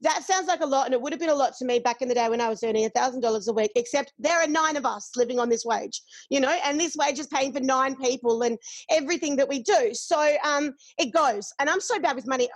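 A woman's voice: high voice, brisk, no echo. A middle-aged Australian woman chatting candidly, swearing freely and acting out what others said. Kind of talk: casual chat.

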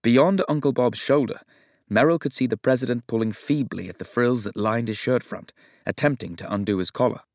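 An audiobook narrator reads a novel aloud in scripted narration, his mid-range voice measured and even as he tells the story. The recording is dry and studio quality.

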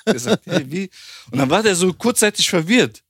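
German man telling a lively story. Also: high-pitched, fairly quick, a little hiss or hum. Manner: animated storyteller, acts out quoted people, laughs often. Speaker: podcast host. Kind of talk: casual storytelling chat.

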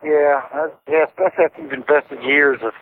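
Man, prison phone call, thin tinny line, faint hiss, halting casual talk. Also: a little high, fairly even intonation. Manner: plain, halting, with fillers. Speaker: inmate interviewee.

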